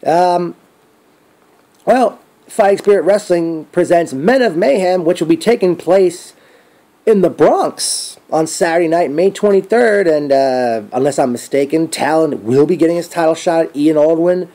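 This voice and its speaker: A man giving a casual spoken event recap as a fan, rambling and thinking aloud with trailing pauses. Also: fairly high pitch, mellow.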